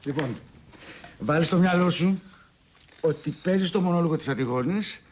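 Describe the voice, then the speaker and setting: An actor playing a fussy theatre coach who gives bossy, coaxing directions. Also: male voice, fairly high pitch, a little hiss or hum, natural voice. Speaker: actor in a TV comedy series.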